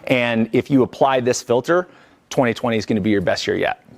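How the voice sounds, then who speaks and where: A man's voice: mid-range voice, brisk. A man leading a live business coaching workshop, talking energetically and conversationally and checking in with the group.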